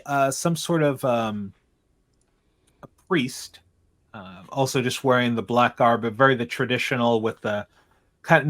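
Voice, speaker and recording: A man narrating a tabletop game as game master, halting and filling pauses with ums and uhs. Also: mid-range voice, fairly bright tone.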